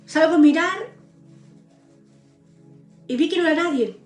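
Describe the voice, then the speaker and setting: Woman, high voice, earnest testimony, roomy echo. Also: measured pace, faint music behind. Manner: earnest, tearful pleading prayers, addresses listeners as brothers. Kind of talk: live-streamed personal testimony.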